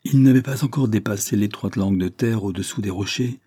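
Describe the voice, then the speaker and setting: Un homme lecteur de livre audio lit un roman victorien d'une narration posée et régulière. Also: male voice, on the low side, fairly quick, dark tone, husky, no echo, clean studio sound. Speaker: audiobook reader. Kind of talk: reading a Victorian novel.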